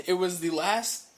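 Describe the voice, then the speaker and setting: Podcast co-host, male, high-pitched voice, animated mock-outraged ranter. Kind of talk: casual chat.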